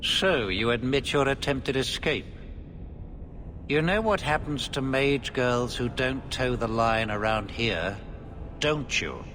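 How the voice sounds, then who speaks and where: A man playing a sadistic, predatory knight in a video game, speaking with deliberate, taunting menace. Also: mid-range voice, expressive, a bit bright, slight background noise. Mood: cruel gloating. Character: cruel, predatory Templar knight, sadistic bully.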